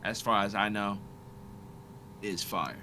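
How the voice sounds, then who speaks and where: Bright-voiced man, slangy casual host. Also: fairly low pitch, takes it slowly, slight background noise. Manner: slangy, laughs often, reads an article aloud with stumbles. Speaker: podcast host. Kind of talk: casual chat.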